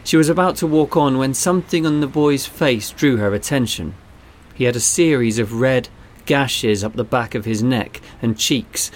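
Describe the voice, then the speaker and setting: A man reading a children's adventure story aloud in a measured storytelling delivery. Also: medium pitch, a little hiss or hum. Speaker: narrator. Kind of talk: scripted narration.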